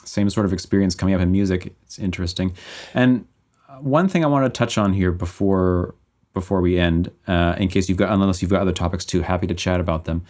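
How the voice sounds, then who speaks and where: A man's voice: low voice, fairly quick, darkish tone. A man in his thirties hosting a podcast, chatting casually and thinking aloud with many restarts. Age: 30s. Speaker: podcast host. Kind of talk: casual conversation.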